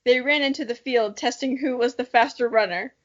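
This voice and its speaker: A young woman co-hosting a podcast reads a story dramatically and then chats about it casually, giggling, playful, and poking fun at herself. Her fairly high voice moves briskly, captured in dull lo-fi audio.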